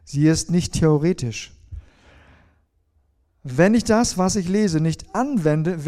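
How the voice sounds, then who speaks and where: A middle-aged pastor delivers a lively sermon in a mellow, warm voice that sits a little high for a man. He keeps turning to his listeners with questions and demonstrates with props as he explains. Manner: lively preaching, asks the congregation questions, shows a folding rule.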